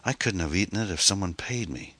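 A man's voice: low-pitched, expressive, fairly quick, bright, forceful tone, no room sound, voice pushed up, exaggerated voice. A man voicing a whiny, defiant teenage girl who sulks at her mother. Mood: sulky. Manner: whiny, sullen.

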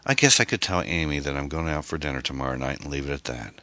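A man's voice: extremely low pitch, fast, pushed and bright, no room sound. A man voicing a worried, hesitant middle-aged single mother. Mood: anxious.

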